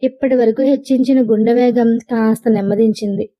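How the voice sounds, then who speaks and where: A woman narrating a first-person story in a lively, expressive way. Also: on the high side, brisk, poor audio. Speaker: audio novel narrator.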